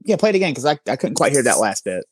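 A man co-hosting a paranormal podcast, chatting quickly and asking listeners to send in what they hear. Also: mid-range voice, breathy edge, no room sound, clean studio sound. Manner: quick and expressive, asks the audience to chime in. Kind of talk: casual chat.

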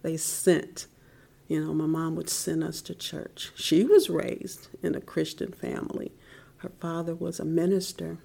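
Middle-aged woman, low gravelly voice, heartfelt testimony, soft and whispery at times. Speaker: interviewee. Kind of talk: personal faith testimony.

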